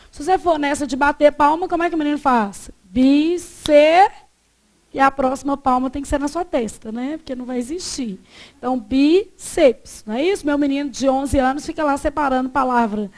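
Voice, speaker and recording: A Brazilian woman in her thirties teaching Portuguese grammar in an emphatic, animated manner, stretching out syllables when she spells and acting out quoted dialogue. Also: sits high, brisk. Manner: acts out quoted dialogue in lively voices. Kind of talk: classroom lecture.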